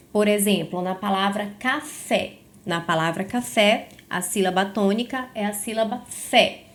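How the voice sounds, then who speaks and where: A woman teacher giving a grammar lesson in a clear, didactic way, slowing down to stress each example word. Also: mid-range voice, a little hiss or hum. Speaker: Portuguese teacher.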